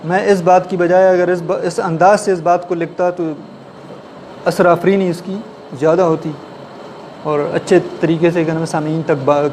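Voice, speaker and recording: In a classroom with a board, a man teaches a writing class, explaining things step by step and often putting questions to the listeners. His voice is fairly high and a little mellow, with a slight hiss or hum in the recording.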